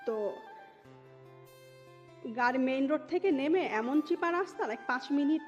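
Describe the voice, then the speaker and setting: This woman's voice sits high and is expressive, moving at a measured pace as she tells her life story as an interview guest. She is in her thirties, speaks with a Dhaka Bangladeshi accent, and mixes English words into Bengali. Music plays under the muffled, dull recording.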